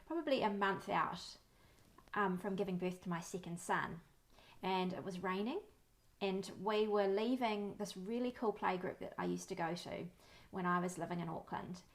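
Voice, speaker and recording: A woman, in her thirties, talks to camera as a parenting educator. Her voice sits at a middle pitch, and she speaks in a friendly, calm, reassuring way, telling little stories from her own life. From New Zealand. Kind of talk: talking-to-camera advice.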